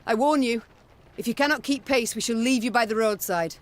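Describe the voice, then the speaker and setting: A man's voice: very high voice, fairly quick, fairly bright tone, pitched above the performer's own voice. A man putting on Queen Meve, regal and stern. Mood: commanding. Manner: commanding, regal. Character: stern proud warrior queen, a woman. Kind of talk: storybook narration in a game.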